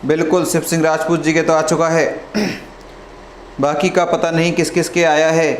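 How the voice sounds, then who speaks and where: A man teaching a live online grammar lesson, asking questions and answering them himself, calling his students "friends" and clearing his throat often. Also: on the high side, flat delivery, a little slow. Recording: echoey room with faint noise.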